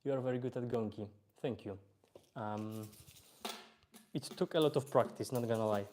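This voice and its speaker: Relaxed Polish-accented man on a live stream. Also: medium pitch, normal speed. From Poland. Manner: relaxed, chatty, reads chat aloud, hesitant fillers. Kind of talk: casual live-stream chat while playing.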